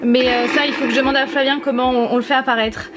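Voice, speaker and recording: Excited young woman gushing over purchases. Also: high voice, fast, very noisy. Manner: enthusiastic, gushing, many restarts. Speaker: YouTube vlogger. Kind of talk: casual haul video chat. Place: warm room at home with a fan running. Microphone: camera-mounted shotgun mic.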